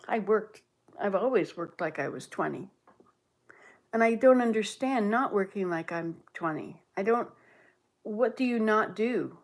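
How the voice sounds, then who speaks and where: A woman in her late sixties from Canada, chatting casually on a livestream, musing aloud and answering viewer comments as she reads them. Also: mid-range voice. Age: 60s. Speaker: livestream host.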